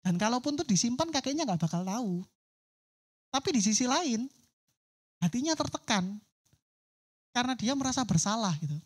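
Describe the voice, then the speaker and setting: A woman's voice: fairly high pitch, expressive, normal speed, pauses often. A woman preacher at a church service, telling a story in her sermon and acting out the voices of the people in it. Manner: vivid storytelling, acts out quoted voices.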